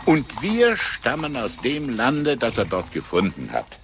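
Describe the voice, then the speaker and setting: An eager, theatrical companion. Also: male voice, mid-range voice, measured pace, noisy background. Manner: animated, persuasive, theatrical. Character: eager, knowing male companion Knapp. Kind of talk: old radio play.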